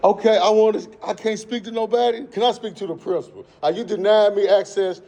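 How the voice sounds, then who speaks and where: A man's voice: high-pitched, steady tone, brisk, warm tone, slight background noise. A man who is a parent at a school entrance, recording on his own phone and insisting again and again in casual slang. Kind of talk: heated confrontation, self-recorded.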